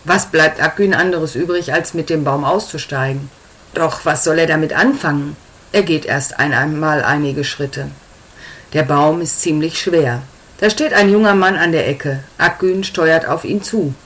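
Low-voiced woman reading a story. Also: unhurried, poor audio. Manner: calm, even reading. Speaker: narrator.

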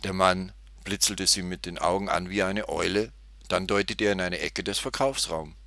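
Male storybook narrator: lowish, bright, very animated delivery, dry studio sound. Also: moderate pace, vocal fry, dry recording. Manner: expressive, animated. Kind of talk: storybook reading.

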